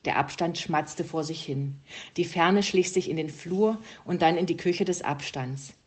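A woman calmly reading a German story aloud to listeners. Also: sits low, a little slow. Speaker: reader.

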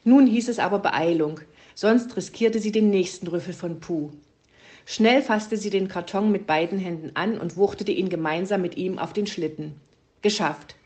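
Lady reading a kids bedtime story, calm and steady, medium pitch. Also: normal speed.

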